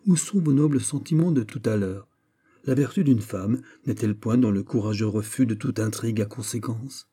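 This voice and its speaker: A man's voice: on the low side, moderate pace, dark tone, breathy edge. A man voicing a haughty, disdainful young woman at court in an audiobook. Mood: scornful. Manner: disdainful, lofty.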